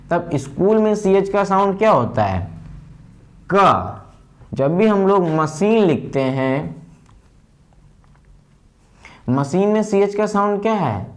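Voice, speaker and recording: A man explains pronunciation rules in an unhurried, methodical way, repeating each pattern several times. His pitch sits a touch high and swings widely as he stresses examples. He speaks words. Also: a little mellow. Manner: slow, repetitive drilling of word patterns. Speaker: English teacher. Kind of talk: pronunciation lesson.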